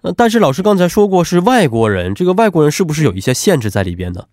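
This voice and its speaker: Man, radio host, blocked nasal voice from allergies, animated intonation, dry close studio sound, polite interviewer. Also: fairly high pitch, fast. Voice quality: stuffy, congested nasal voice. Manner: polite, attentive, echoes answers back. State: allergic rhinitis.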